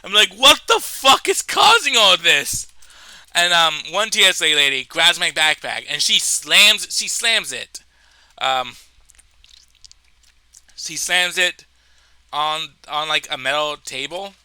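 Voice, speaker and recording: A man with a stuffed-up nose telling a comedic personal story in a rambling, animated way, full of fillers and restarts. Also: a little high, slow pace, long pauses, clear, resonant tone, no echo, low-quality recording.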